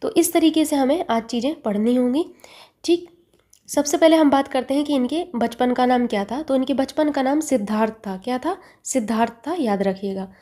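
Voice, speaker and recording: Mellow-voiced woman teaching an exam lesson. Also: high-pitched, normal speed. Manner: asks quiz questions and repeats the answers.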